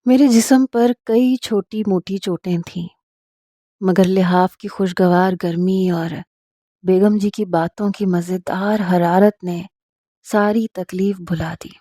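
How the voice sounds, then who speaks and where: Mellow-voiced woman narrating a romance novel. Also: medium pitch, steady tone, no room sound, clean studio sound. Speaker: audiobook narrator.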